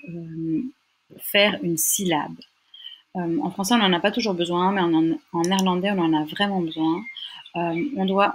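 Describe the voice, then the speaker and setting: Woman patiently explaining a language lesson. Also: lowish voice. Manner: patient, checks in with "d'accord?", sounds out syllables slowly. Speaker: Dutch teacher.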